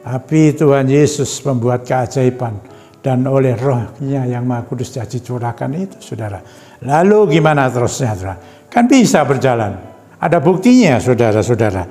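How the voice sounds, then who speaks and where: A man's voice: mid-range voice, expressive, moderate pace, mellow. A man preaching a sermon, chatty and often calling out to the congregation. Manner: conversational, repeatedly addressing the congregation. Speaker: evangelist preacher. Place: church hall. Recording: music and long hall reverb.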